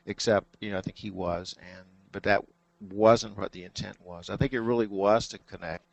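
Thoughtful low-voiced male guest. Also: fairly even intonation, moderate pace, creaky, dry recording. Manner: thoughtful, hesitant, many fillers. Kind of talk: casual radio talk.

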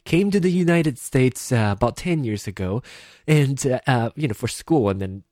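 A man's voice: medium pitch, expressive, moderate pace, mellow, dry recording, studio quality. A man in his thirties from Malaysia hosting a casual solo podcast from a home computer, rambling and giggly with many fillers. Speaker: podcast host.

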